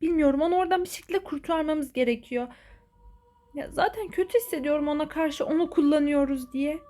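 A woman's voice: high-pitched, a little fast, natural voice. A woman doing an anxious, worried schoolgirl. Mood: urgent. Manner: anxious, hushed, urgent. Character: worried loyal schoolgirl friend.

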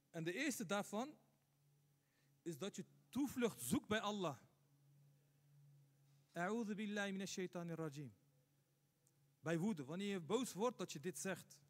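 A man giving a Friday sermon as imam, asking rhetorical questions and repeating points for emphasis. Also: sits high. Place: mosque. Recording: long hall reverb.

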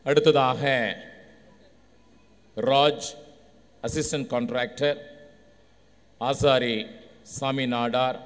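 A man acting as master of ceremonies at a church function, calling names one by one in a measured, formal way. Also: mid-range voice, fairly even intonation, clear, resonant tone. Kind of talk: formal stage announcements. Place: large church hall on a public address system. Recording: long hall reverb.

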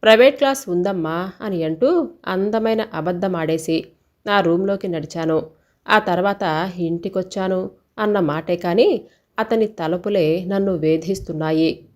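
A woman reading a scripted first-person story in a steady, even storytelling delivery. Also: fairly low pitch, a little slow.

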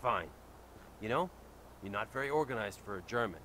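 Tough, impatient biker hero in a game, low, hard-edged voice, curt and threatening. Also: male voice, animated, normal speed, sharp tone, slight background noise. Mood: menacing. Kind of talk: video game dialogue.

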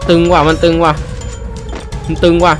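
Young man, brash gaming commentator: loud, excitable trash talk, high-pitched, over loud game music. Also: normal speed. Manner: loud, excitable, shouts and trash-talks at enemies. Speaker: gaming streamer.

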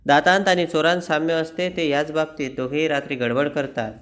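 A man giving an expressive, wry reading of a humorous essay, like a teacher reading a lesson text aloud. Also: a little high, fairly quick. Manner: wry, self-mocking storytelling.

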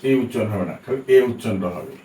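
A man with a low, mellow voice gives a patient pronunciation lesson, spelling words letter by letter. He sits back from the mic in a roomy, echoing space with a faint hiss behind him. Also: very fast. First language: Bengali. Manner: patient, repeats and spells out letters, checks understanding. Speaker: English teacher. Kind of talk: spoken English pronunciation lesson. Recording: echoey room, distant from mic, faint background hiss.

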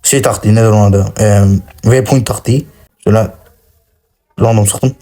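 A man giving excitable, cursing, self-mocking commentary while playing a shooter game on his phone. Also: lowish voice, a little fast. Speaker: gaming channel host. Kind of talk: casual gameplay commentary.

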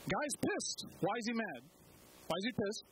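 Animated high-voiced man at open mic. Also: slight background noise, rough recording. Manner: animated storytelling, dramatic pauses, jumps high for emphasis. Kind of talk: spoken-word talk.

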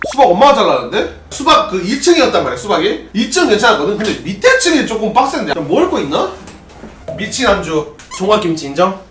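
Roomy-sounding young Gyeongsang streamer. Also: male voice, high voice, big pitch swings, quick pace, far from the mic, background noise. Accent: Gyeongsang Korean. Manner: casual, rambling, answers chat questions. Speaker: streamer, former pro gamer. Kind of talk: solo drinking livestream chat. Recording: roomy livestream audio with faint music.

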